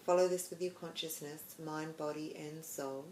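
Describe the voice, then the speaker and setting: A soft-spoken Australian woman leads a guided meditation, her slow, soothing voice sitting a little low. The room sounds roomy and open, with a faint ambience underneath. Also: steady tone, a little hiss or hum. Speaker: meditation podcast host.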